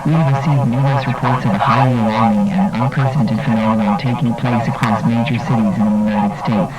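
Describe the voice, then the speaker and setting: A man announcing an official emergency alert in a steady, measured tone, his voice muffled as if heard through a door. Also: mid-range voice. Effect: muffled and distant, as if heard through a door. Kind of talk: formal scripted alert announcement.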